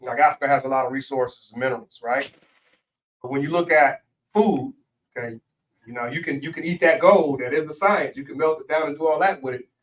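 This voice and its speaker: A man's voice: fairly high pitch, fairly quick, distant mic, low-quality recording. A man speaking as a guest in a studio interview, lecturing emphatically and spelling out words.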